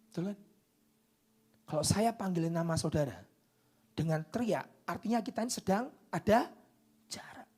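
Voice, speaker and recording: A man preaching a sermon into a microphone in church, swinging from loud declarations down to hushed whispers. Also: sits high, normal speed, pauses often, husky. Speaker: pastor.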